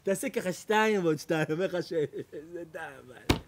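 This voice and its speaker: A man, a rabbi, giving an animated sermon, loud, repetitive and mocking. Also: sits high, background noise. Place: lecture hall.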